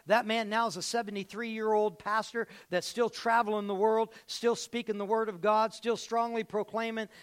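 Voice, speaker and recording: A man's voice: high-pitched, fairly bright tone. A man preaching a sermon as pastor in a church, emphatic and repeating phrases, with joking asides. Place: church sanctuary.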